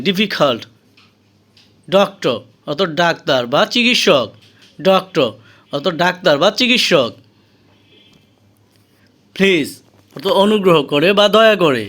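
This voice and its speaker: A man with a Bangladeshi accent teaching English vocabulary, saying each word slowly and repeating it with its meaning. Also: sits high, fairly bright tone.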